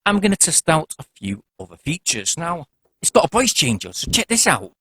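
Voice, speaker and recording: A man's voice: fairly high pitch, huge pitch swings, normal speed, a bit bright, a little hiss or hum. A man giving a chatty, jokey product review in a casual, upbeat way.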